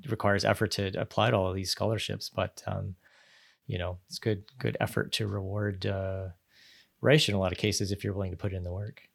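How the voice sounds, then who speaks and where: A man hosting a podcast interview, chatting in a relaxed, halting way and repeating words. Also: low voice, vocal fry. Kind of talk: casual interview chat.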